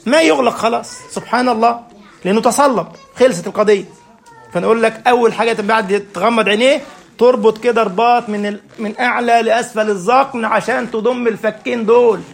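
A man preaches in an Egyptian Arabic accent, his voice sitting high for a man. He keeps throwing questions at the listeners and answering them himself. He walks through each point with homely, everyday examples. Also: fast talker, vocal fry. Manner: explains step by step with everyday examples. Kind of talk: religious lecture.

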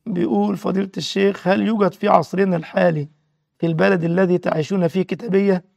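A man with an Egyptian Arabic accent gives a religious lesson in a high, gravelly voice, and he talks quickly. He keeps stopping to check that his listeners follow, asking them short rhetorical questions. The sound is close and dry. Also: fairly even intonation, darkish tone, no echo. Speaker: religious teacher.

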